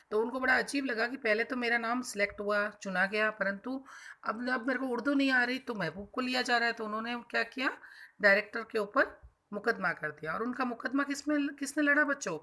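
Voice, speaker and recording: A woman teacher walks children through a textbook chapter, stopping to explain difficult words in plain terms. Her voice sits fairly high and sounds bright and sharp. She circles back and repeats points as she talks. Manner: explains hard words simply, with repetitions and restarts. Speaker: school teacher.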